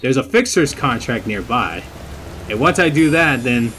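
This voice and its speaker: With game music running underneath, this young video host offers loose, wandering commentary on his gameplay and tends to say the same phrases again. He speaks in an animated mid-range voice at a measured pace.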